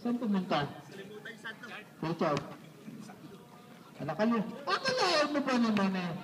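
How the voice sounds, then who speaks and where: Over an echoey gym PA heard from a distance, a Visayan man announces an amateur basketball game on an indoor court. His high voice swoops wildly in pitch at a measured pace, and he jokes politely with players and coaches, saying "sir" and "po." Loud crowd and game noise fill the background.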